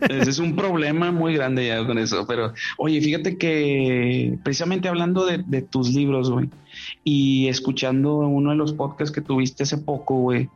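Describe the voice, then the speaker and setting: Chummy host, slightly dull audio. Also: male voice, medium pitch, normal speed, soft background music. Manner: chummy, slangy, rambling with restarts. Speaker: podcast host. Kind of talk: casual podcast chat.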